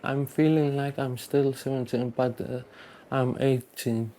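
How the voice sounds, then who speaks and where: An eighteen-year-old man from Greenland who is a young dancer, giving hesitant interview answers with many pauses. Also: mid-range voice, fairly even intonation, mellow, a little hiss or hum. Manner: hesitant, halting with many fillers.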